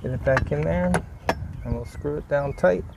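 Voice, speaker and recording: This DIY vlogger, showing how to fix a vehicle, thinks aloud in brief, plain, unscripted comments as he works, giving a casual hands-on how-to. His voice sits on the high side and is creaky, at a moderate pace. The sound is lo-fi and very noisy.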